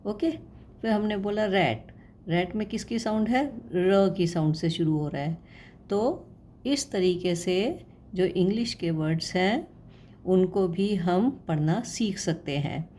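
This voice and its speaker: A woman teaching a lesson, explaining patiently, repeating sounds slowly and putting questions to the viewer. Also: mid-range voice, dark tone, slight background noise.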